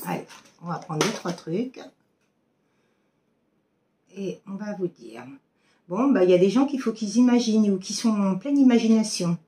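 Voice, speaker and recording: Woman card reader, casual guidance for viewers, chatty and warm, average pitch, faint hiss behind. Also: moderate pace, pauses often. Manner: chatty and affectionate, many fillers.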